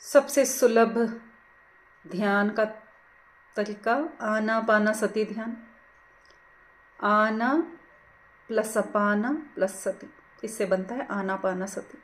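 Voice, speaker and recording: A middle-aged woman leading a guided meditation, giving slow, gentle instructions with English words mixed into her speech. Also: mid-range voice, fairly even intonation.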